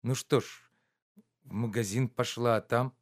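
Fretful gentleman, read by a man, storybook, impatient, grumbling. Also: mid-range voice, fairly even intonation, unhurried, close to an everyday voice. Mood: anxious.

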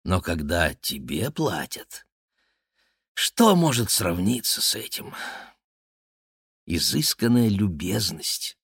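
A man reading a classic novel aloud in measured, expressive narration. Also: low-pitched, creaky, slightly rough, no echo, studio quality. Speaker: audiobook reader. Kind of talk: scripted literary narration.

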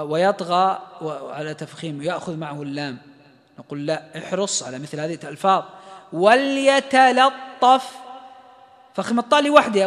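Male recitation teacher, high voice, long hall reverb, explains then chants examples. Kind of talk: tajweed lesson with recited examples.

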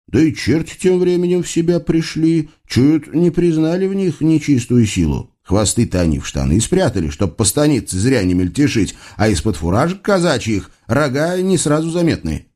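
A man narrating a folk-tale audiobook in a lively, folksy, playful manner. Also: fairly high pitch, normal speed, hardly any pauses. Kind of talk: audiobook storytelling.

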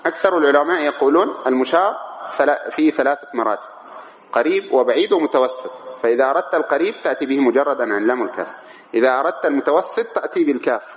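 A man teaching an Arabic grammar lesson who asks the class questions and answers them himself, often checking that they follow. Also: medium pitch. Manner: keeps checking understanding; slow, measured reading of the text. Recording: dull lo-fi recording with faint noise.

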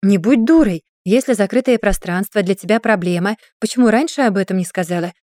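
A woman's voice: mid-range voice, fairly quick, darkish tone, no echo, studio quality, lightly acted. A woman reading a storybook voices an irritable, bossy young man who scolds sharply and with exasperation. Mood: irritated.

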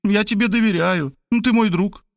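A man's voice: high-pitched, moderate pace, no room sound, studio quality, voice pushed up. A man voicing a brash, pushy eighteen-year-old girl who chatters in slang and keeps insisting. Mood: pleading. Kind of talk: audiobook character voice.

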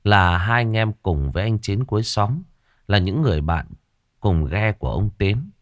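A man narrating an audio story in an expressive manner. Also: on the low side, normal speed, dry recording, studio quality.

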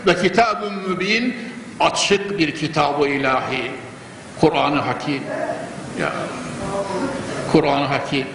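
A man's voice: fairly high pitch, slow, long pauses. An older man delivering a fervent mosque sermon into a pulpit microphone, speaking in rhythmic phrases and repeating lines for emphasis. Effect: preaching into a pulpit microphone. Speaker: preacher. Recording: echoey hall with clear background noise.

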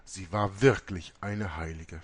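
A man's voice: sits low, steady tone, unhurried. A man reading aloud voices a neighbor who earnestly consoles a grieving husband. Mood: consoling.

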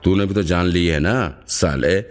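Guy doing a rough jail cop yelling from down the hall, deep deep voice. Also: measured pace, soft background music. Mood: irritated. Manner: yelling from afar, rough slang. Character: gruff male jail policeman.

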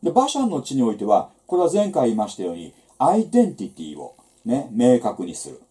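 Male Bible lecturer, seminar style, animated pitch, conversational asides. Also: fairly quick. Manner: conversational teaching with rhetorical asides.

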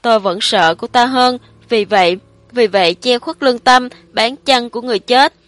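A woman's voice: fairly high pitch, moderate pace, dry recording, lightly acted. A woman voicing a frightened, guilt-ridden middle-aged man, confessing in a tearful, pleading way for a spoken horror story. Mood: tearful confession.

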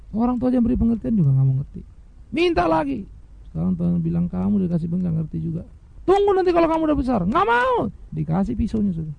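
Male pastor, high raspy-gravelly voice, animated sermon, lo-fi dry tape. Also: dry recording. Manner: animated preaching, rhetorical questions, addresses congregation as brothers. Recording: dull lo-fi dry recording.

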